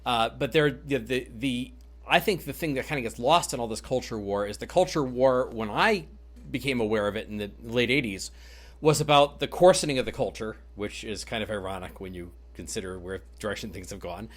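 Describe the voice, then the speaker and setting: A man hosting a podcast speaks at an ordinary middle pitch. He thinks aloud as he goes, restarting his sentences while working toward a point. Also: a little fast. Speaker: podcast host. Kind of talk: conversational podcast interview.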